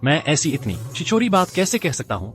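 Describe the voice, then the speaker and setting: An earnest, lively young hero. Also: male voice, on the high side, a little fast, soft background music. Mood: awkward. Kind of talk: dubbed drama dialogue.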